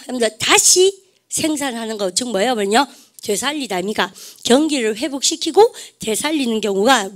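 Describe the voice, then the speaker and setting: A woman teaching English vocabulary in a recorded lecture, constantly addressing her students, repeating herself and leading pronunciation drills. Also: a little high.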